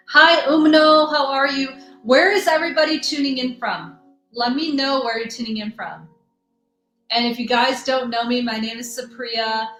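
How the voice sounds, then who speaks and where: A woman's voice: high-pitched, unhurried, a bit bright. Chatty woman live-stream host, rambling and greeting viewers, in an echoey room. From US Midwest. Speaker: livestream host, energy reader. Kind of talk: casual live-stream chat. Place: home room in Texas. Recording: echoey room, faint music.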